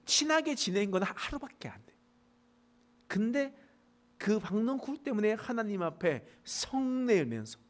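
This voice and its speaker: A man preaching a midweek sermon as pastor, telling the story animatedly and reading verses more quietly and formally. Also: a little high.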